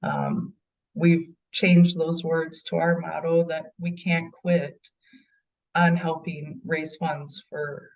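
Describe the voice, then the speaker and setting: A woman's voice: sits low, expressive, slow pace, darkish tone, recorded from a distance, dull audio. A middle-aged mother answering interview questions in an earnest way, with frequent ums. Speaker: bereaved mother and guest.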